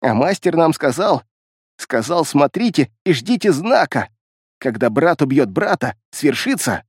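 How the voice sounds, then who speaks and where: A man's voice: a little high, very animated, a little slow, breathy edge, no room sound, clean studio sound, exaggerated voice. A man voicing a terrified, half-mad male beast-man who pleads and babbles frantically, in an audiobook. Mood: fervent.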